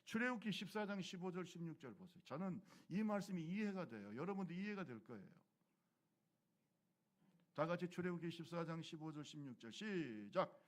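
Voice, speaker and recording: Dramatic Korean pastor preaching. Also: male voice, lively intonation, a little fast. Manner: dramatic swings from low murmurs to loud exclamations; asks the congregation questions and has them repeat phrases. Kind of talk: sermon.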